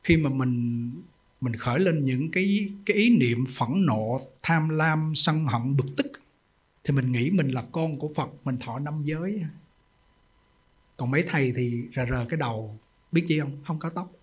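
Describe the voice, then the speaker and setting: A man's voice: mid-range voice, unhurried, slightly rough. A man, a Buddhist monk giving a sermon in an emphatic, folksy storytelling way with rhetorical questions.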